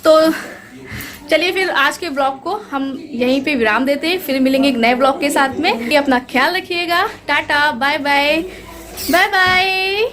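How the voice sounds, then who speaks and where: A woman's voice: sits high, normal speed, fairly bright tone. A young woman vlogging casually about her family, playful and chatty with a small child.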